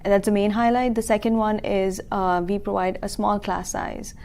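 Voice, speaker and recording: A woman's voice: medium pitch, fairly even intonation, normal speed, a little mellow, a little hiss or hum. A woman in her thirties from Kuwait, a school founder explaining her business in a local TV interview, earnest and full of fillers. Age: 30s.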